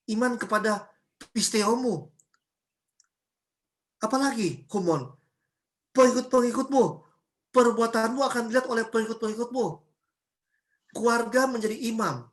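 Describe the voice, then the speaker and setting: Lively woman pastor preaching. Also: on the high side, moderate pace, pauses often. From Ambon, Indonesia. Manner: lively, chatty preaching with homely examples and rhetorical questions. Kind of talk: sermon at a church service.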